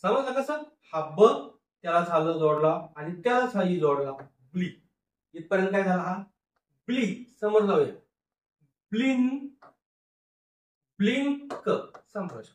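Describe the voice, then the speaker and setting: A man teaching phonics, slowly sounding out words syllable by syllable and repeating each word. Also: high-pitched, expressive. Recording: echoey room, voice a bit far from mic.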